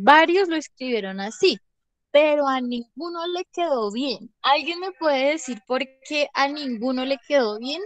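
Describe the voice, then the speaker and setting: A woman teacher leads an online class over a video call with a fairly high voice. Her sound is dry and close, with no room around it. She explains patiently and keeps checking that the class follows. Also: no room sound. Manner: patient, checks understanding with frequent questions. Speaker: English teacher.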